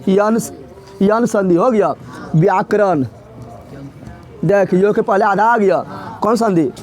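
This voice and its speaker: A man's voice: high-pitched, slow pace, a little mellow, soft background music. A man teaching an exam-prep grammar lesson, asking questions and answering them himself in a repetitive drilling way. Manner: drilling, asks and answers his own questions.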